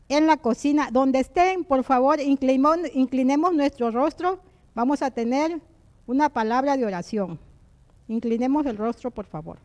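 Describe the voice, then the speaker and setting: A high-voiced woman leads a church service, speaking softly and earnestly as she welcomes listeners and prays. Her tone is mellow and warm, and the sound is close and dry with no room echo. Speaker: service host and prayer leader. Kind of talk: church welcome and spoken prayer.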